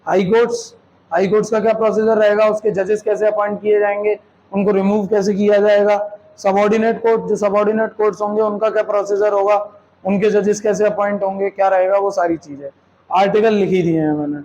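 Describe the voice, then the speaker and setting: A man's voice: high-pitched, little pitch movement, a little fast, a little mellow, dull audio. A man teaching a classroom lecture, explaining step by step and checking with students through rhetorical questions, mixing Hindi with English terms.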